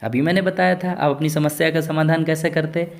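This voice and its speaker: A man's voice: on the high side, fairly even intonation, brisk, vocal fry. A man tutoring young pupils, reading out textbook questions and then explaining the answers step by step. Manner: asks the pupils questions and answers them himself. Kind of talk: step-by-step school lesson.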